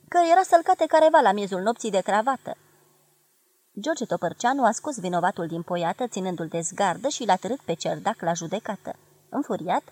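A woman from Romania giving a measured, expressive literary reading of a memoir. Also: fairly low pitch, breathy edge, no echo. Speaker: reader of a memoir.

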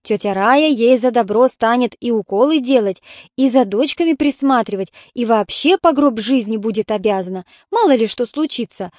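Woman reading audiobook, steady, kinda high voice, dry sound. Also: normal speed, no room sound. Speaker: narrator. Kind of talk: audiobook narration.

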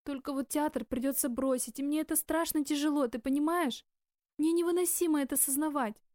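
A woman's voice: high voice, fairly quick, a little mellow, no echo, studio quality, close to an everyday voice. A woman voicing a tearful, anxious young woman who pleads in an audiobook. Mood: distressed.

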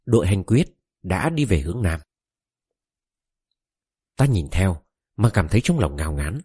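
Deep, husky male storyteller. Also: measured pace, no echo, clean studio sound. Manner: expressive storytelling, voicing quoted characters. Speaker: audiobook narrator. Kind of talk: scripted first-person novel narration.

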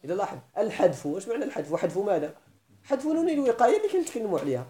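A man with a Moroccan accent teaching Arabic grammar in a classroom lesson, slowly chanting verse lines and putting questions to his students. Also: high voice, very animated, warm tone.

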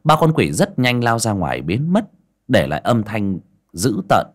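A man narrating a story audiobook in an expressive storytelling manner. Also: fairly low pitch, normal speed.

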